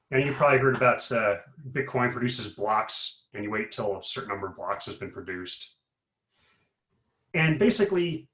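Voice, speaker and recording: A man's voice: medium pitch, a bit bright, reverberant, poor audio. A middle-aged man, a professor, explaining a topic on a video call, rambling with many fillers and restarts. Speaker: guest speaker, professor. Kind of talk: explanatory talk on a webinar.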